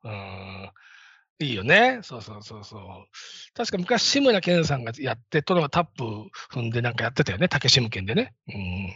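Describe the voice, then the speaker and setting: A husky-voiced man in his fifties rambles through a casual solo talk, pitched a little high and swinging up and down with lively energy. He is self-deprecating and moves along fast. The recording sounds dull and dry. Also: no echo. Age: 50s.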